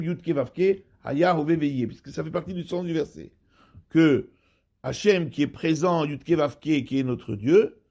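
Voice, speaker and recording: A man, a rabbi giving a Torah study lesson, explaining slowly and repeating and rephrasing terms. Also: on the high side, a little mellow.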